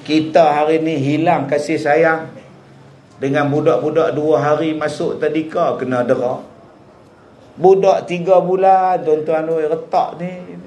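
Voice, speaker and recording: A man's voice: a little high, flat delivery, unhurried, warm tone, a little hiss or hum. A middle-aged man with a northern Malaysian Malay accent preaching a sermon in a village prayer hall, telling dramatic stories, asking rhetorical questions and often turning to address the congregation.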